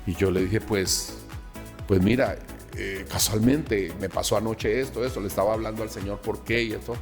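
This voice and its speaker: Low-voiced pastor telling his story. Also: normal speed, long reverb tail, music in the background. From Colombia. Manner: animated storyteller acting out dialogue. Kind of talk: recounting a personal testimony.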